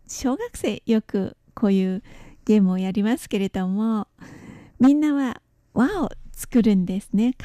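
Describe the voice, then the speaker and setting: A woman teaching Chinese words in a calm radio lesson, slowly spelling out pronunciation and tones. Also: medium pitch, no room sound, clean studio sound. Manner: slow, careful, spells out pronunciation.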